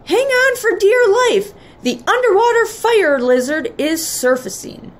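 A woman's voice: on the high side, slow pace, full character voice. A woman reading aloud, voicing a clever, cheerful boy who shows visitors around his house. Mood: excited. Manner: excited, proclaiming.

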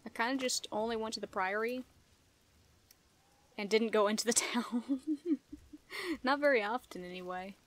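A woman's voice: on the high side, moderate pace, long pauses. A young woman giving casual, chatty, playful commentary as she plays a video game. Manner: playful, chatty, giggly asides. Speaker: gamer, let's play host. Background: game music.

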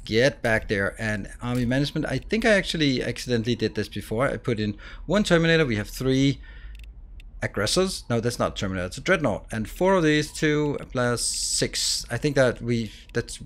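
A man's voice: medium pitch, lively intonation, moderate pace, fairly bright tone. A man giving casual let's play commentary, thinking aloud and muttering as he plays. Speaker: gamer.

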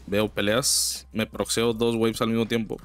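A young man with a Mexican accent gives casual, slang-filled commentary over his own gameplay, breaking into sudden high exclamations and griping about teammates. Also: level tone, measured pace, a little hiss or hum. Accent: Mexican Spanish. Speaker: gaming streamer.

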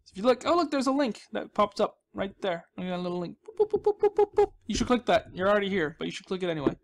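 Talking very fast in a high voice with vocal fry, this gaming channel host delivers loose, goofy, playful commentary, repeating his words and phrases a lot.

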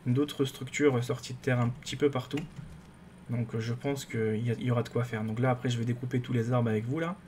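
Rambling excitable gaming commentator. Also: male voice, mid-range voice, a little fast, slight background noise. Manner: rambling, excitable, many fillers and restarts. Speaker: gaming YouTuber. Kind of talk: casual gameplay commentary.

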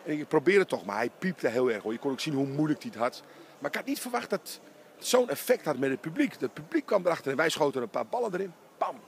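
A middle-aged basketball coach with a fairly high-pitched voice and vocal fry speaks emphatically into a close handheld mic for a post-game interview in an empty arena. He talks in animated, quick bursts, with slight background noise.

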